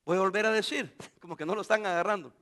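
Pastor guy preaching, really high bright voice, lots of questions to the church. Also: quick pace. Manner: preaching with rhetorical questions to the congregation; animated, acts out quoted voices. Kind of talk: sermon.

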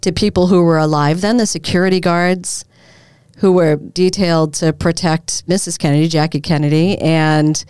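A woman with a low, smooth voice talks through local news in a relaxed, chatty way. Her sound is close and dry, with no room around it. She explains at length and laughs easily. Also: normal speed, no echo. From Boston area. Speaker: reporter and co-host. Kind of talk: casual news chat.

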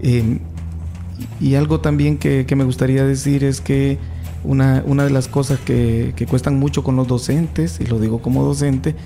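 Male book presenter, Salvadoran Spanish accent, very warm dark tone, slightly gravelly, informal. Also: mid-range voice, flat delivery, moderate pace, faint music behind. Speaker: guest presenting a children's book, teacher.

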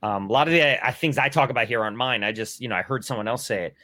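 A man's voice: mid-range voice, rapid-fire, pushed and bright, dry recording. A man in his forties talks in a casual group discussion. His speech rambles and restarts, with a self-deprecating tone. The recording is dry and close, with a mid-range voice.

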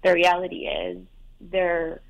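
A young adult woman, first language Farsi, calls an advice show and speaks slowly in a lowish voice with little pitch movement and vocal fry. Her talk is hesitant, with many fillers and restarts, over a tinny phone line.

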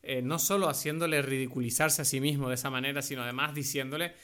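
A man in a casual film discussion, animatedly retelling scenes with quick asides. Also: medium pitch, steady tone, bright, forceful tone, clear, resonant tone.

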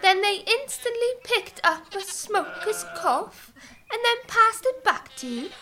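Exasperated farm woman, shrill and sharp, slow delivery. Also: sing-song, a little hiss or hum, heavily acted. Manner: exclamatory, drawn-out.

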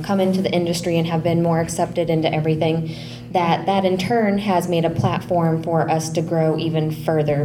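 A woman talks as a panelist in a casual discussion. Her voice sits a little low and she sounds earnest. A noticeable hum and background noise run under her speech.

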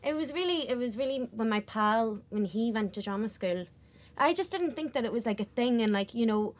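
A woman's voice: a little high, lively intonation, brisk. A young woman with a West Belfast accent chats casually and effusively in an interview, repeating words for emphasis. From West Belfast, Northern Ireland. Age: young adult. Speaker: actress being interviewed.

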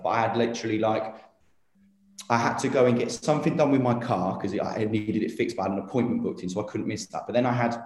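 A man's voice: mid-range voice, darkish tone, reverberant. A man in his late twenties, an interview guest talking casually and earnestly with many fillers and restarts. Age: 20s.

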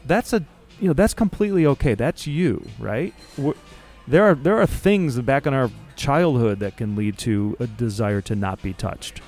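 A man's voice: medium pitch, expressive, moderate pace, few pauses, a little mellow, faint music behind. A man co-hosting a casual talk show, chatting and often repeating words as he thinks. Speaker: podcast co-host. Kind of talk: casual conversation.

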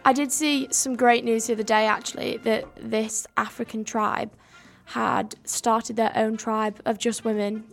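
A woman's voice: a little high, level tone, measured pace, creaky, hardly any pauses. A young woman co-hosting a homemade radio show, speaking earnestly in long run-on sentences. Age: young adult. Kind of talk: casual discussion.

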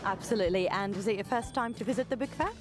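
An upbeat, chatty woman reporter interviewing visitors at a book fair. Her voice sits at a middle pitch, and music plays clearly in the background. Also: very fast. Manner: upbeat, chatty, laughs easily. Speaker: roving reporter. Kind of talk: vox-pop interviews.

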